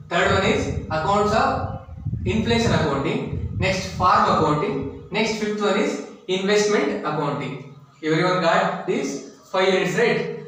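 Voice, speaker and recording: Male college lecturer, high-pitched and unhurried, distant mic in a very echoey classroom. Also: fairly bright tone. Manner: deliberate, repeats items for note-taking. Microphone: distant from the speaker. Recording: echoey room, distant mic, faint noise.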